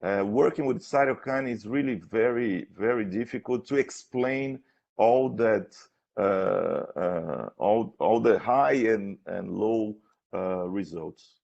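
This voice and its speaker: Halting, creaky-voiced man, slow academic questioner. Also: lowish voice, a little mellow. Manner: halting, hesitant, repeats words while searching for phrasing. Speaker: thesis defense examiner. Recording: dull, lo-fi sound.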